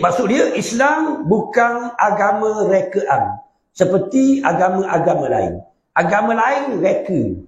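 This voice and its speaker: A man giving a religious class, humorous and animated, often checking with questions to the class. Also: high voice. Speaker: religious teacher. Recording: roomy, slightly dull recording.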